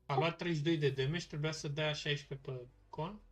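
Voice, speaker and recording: A man chatting casually at a tabletop game, eager and quick to interject. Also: on the high side, fairly even intonation. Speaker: player.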